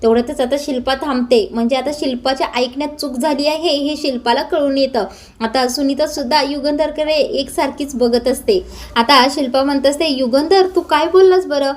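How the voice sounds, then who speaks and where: A woman's voice: high-pitched, steady tone, normal speed. A woman retelling a television serial episode in a casual storytelling way, with fillers.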